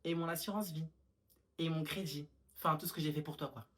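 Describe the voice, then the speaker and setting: A woman's voice: low voice, steady tone, fairly quick, a bit bright, pitched below the performer's own voice. A woman playing a sarcastic, unbothered middle-aged mother in a comedy skit, with a dry, mocking manner. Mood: deadpan.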